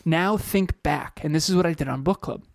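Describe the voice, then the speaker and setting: Vocal fry runs through this thirty-something podcast co-host's slightly high, slightly fast voice as he energetically pushes a motivational message with repeated phrases and rhetorical questions. The sound is dry and clean, like a studio.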